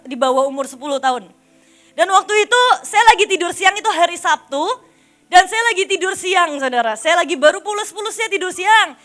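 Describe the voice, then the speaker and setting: Bright high-voiced woman preaching with animated storytelling. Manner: animated storytelling, addressing the congregation as "saudara". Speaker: evangelist preacher. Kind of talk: sermon with childhood storytelling.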